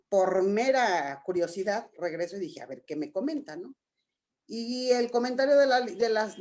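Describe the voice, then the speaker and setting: A woman's voice: a little high, darkish tone. A woman lawyer, recounting a court case conversationally in an online legal forum and often ending with tag questions. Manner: conversational storytelling, quoting others, tag questions.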